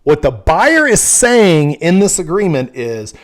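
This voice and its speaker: A man's voice: on the high side, big pitch swings, a little slow. A man working as a real estate agent, explaining things frankly and casually, often checking in with "okay?".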